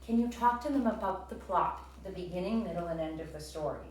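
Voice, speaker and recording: Her voice lowish and brisk with lively intonation, this teacher-like woman narrates a storybook to young listeners and poses comprehension questions directly to them. The sound is roomy and distant, with faint noise behind it.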